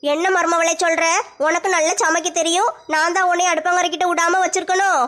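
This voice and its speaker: Woman as a very high-voiced, fast-scolding mother-in-law, comedy sketch. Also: little pitch movement, a bit bright. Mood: sarcastic. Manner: scolding, sly, fast-talking. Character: scheming sharp-tongued middle-aged mother-in-law. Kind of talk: comic family sketch acting.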